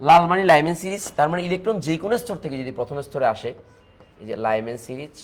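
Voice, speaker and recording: Speaking in a somewhat high, animated voice, a man with a Bangladeshi accent teaches chemistry. His delivery is rapid and repetitive, hammering key points while mixing in English.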